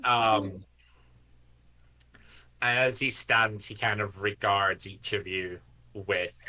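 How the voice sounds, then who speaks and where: A man improvising tabletop game narration as game master, halting and deliberate, often pausing mid-sentence. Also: lowish voice, flat delivery, pushed and bright.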